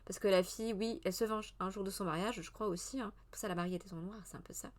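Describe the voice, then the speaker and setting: A woman's voice: mid-range voice, fairly even intonation, fast talker. Chatty woman rambling through a live review. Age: 30s. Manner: chatty and meandering, with many hesitations and self-corrections; answers the live chat as she goes. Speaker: streamer hosting a culture press review. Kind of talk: casual live press review.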